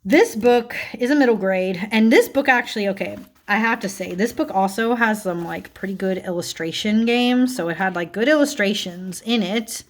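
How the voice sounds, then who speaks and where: A woman in mid pitch talks through a book review in an easy, rambling way. She leans on filler words and restarts her sentences, keeping it loose and conversational. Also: moderate pace, hardly any pauses. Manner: chatty, filler-heavy, self-correcting, frequent laughs. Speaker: book and tarot vlogger. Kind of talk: casual book review chat.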